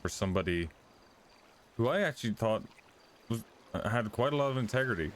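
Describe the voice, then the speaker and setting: In a roleplay, a man with a very deep voice plays a motorcycle club member, talking bluntly and firmly with plenty of swearing. His delivery is expressive and fairly fast. Faint nighttime insects chirp in the slightly noisy background.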